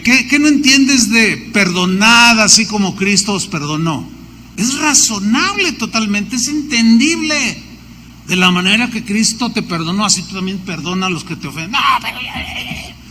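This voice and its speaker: A Mexican pastor preaching in a large church hall, his voice high and bright. He stacks up lists and tells stories with lively energy. The hall's long reverb carries over a faint hum of background noise. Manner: animated preaching with lists and storytelling asides. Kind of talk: sermon.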